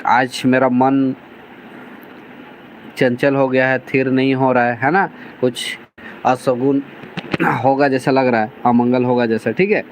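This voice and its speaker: A man's voice: mid-range voice, fairly even intonation, measured pace, long pauses, slight background noise, poor audio. A man, teaching a class by reading lines from a novel and explaining each one in plain words. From Jharkhand, India. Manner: reads dialect lines aloud, then restates them plainly with many 'theek hai' fillers.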